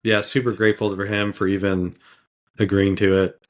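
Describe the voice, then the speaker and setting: A man's voice: lowish voice, little pitch movement, moderate pace. A man co-hosting a casual podcast with a slight cold, talking in a laid-back way with lots of fillers and easy laughs. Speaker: podcast co-host.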